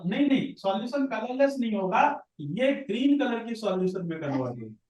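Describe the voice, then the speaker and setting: A man's voice: sits high, sing-song, a little fast, darkish tone, slight background noise. A man with an Indian accent teaching a science class, questioning students and calling on them by name. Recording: roomy classroom audio from a distance.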